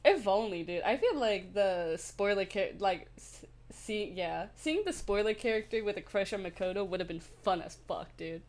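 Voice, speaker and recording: Young woman streamer, casual and laughing, with a lively, varied pitch. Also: moderate pace. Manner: chatty, laughing, swears casually. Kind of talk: casual game commentary.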